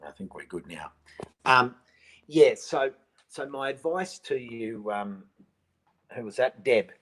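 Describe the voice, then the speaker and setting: A man's voice: mid-range voice, lively intonation, takes it slowly, a bit bright, poor audio. A man answering viewer questions on a casual live stream, rambling with many restarts and ums.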